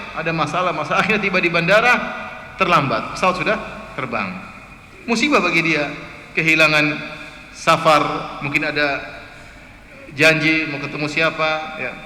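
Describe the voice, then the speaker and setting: Bright-voiced preacher in an echoey mosque. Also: male voice, a little high. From Indonesia. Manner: animated storytelling, rhetorical questions to the congregation. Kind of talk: sermon. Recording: echoey mosque hall, faint hiss.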